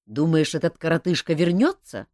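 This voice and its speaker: A woman voicing a calm, reasoning male swordsman. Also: low-pitched, moderate pace, dry recording, studio quality.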